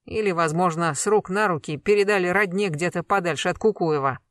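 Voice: medium pitch, brisk, a bit bright, no echo, clean studio sound, close to an everyday voice. A reader voicing a stern former colonel who interrogates a suspect relentlessly in an audiobook. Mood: accusing. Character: stern commanding male investigator, a former colonel. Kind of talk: audiobook character reading.

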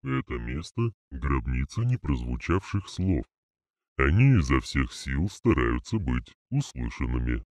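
A male reader voicing a huge clay golem who speaks slowly with flat, unshakable calm. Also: very deep voice, creaky, no room sound, voice pushed down, exaggerated voice. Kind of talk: audiobook character reading.

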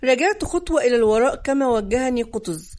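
A woman narrating a crime novel aloud in a brisk, tense manner. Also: fairly high pitch, expressive, a little mellow. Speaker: audiobook narrator.

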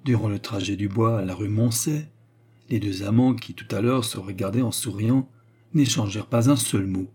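An audiobook narrator reads a classic novel in a measured, expressive manner. His voice is lowish and a bit rough.

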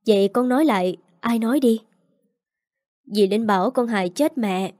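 A woman voicing a caring, protective young aunt who speaks gently but firmly. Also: on the high side, moderate pace, dry recording, studio quality, lightly acted. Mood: tender.

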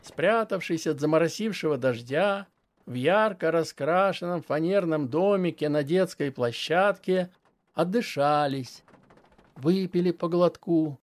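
Male audiobook narrator, measured and steady, unhurried delivery. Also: on the high side.

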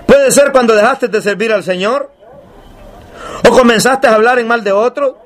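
A man preaching a sermon, emphatic and repetitive, asking rhetorical questions and slowing down to read scripture aloud. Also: very high-pitched.

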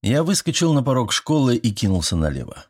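A man's voice: medium pitch, very animated, brisk, slightly rough. A man narrating a first-person audiobook in a dry, wry manner with ironic asides.

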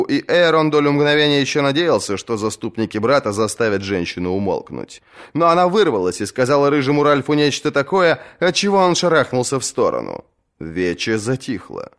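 A man narrating an audiobook in an expressive storytelling manner. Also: on the low side.

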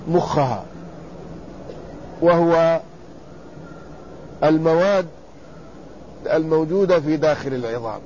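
A man teaching a classical text, reading each passage and then explaining it slowly and deliberately. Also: a little high, warm tone, lo-fi sound, slight background noise. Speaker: teacher of hadith sciences.

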